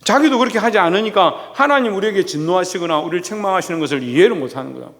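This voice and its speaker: Male pastor, higher-pitched voice, preaching; rhetorical questions, long church reverb. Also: animated, racing, a bit bright. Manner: rhetorical questions, calls on listeners by name. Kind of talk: sermon. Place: church sanctuary.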